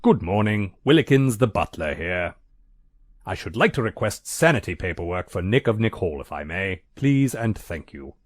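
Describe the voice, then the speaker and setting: An actor playing a prim, long-suffering butler with formal, dry politeness in a game. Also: male voice, low voice, sing-song, moderate pace, no room sound. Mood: dry, polite.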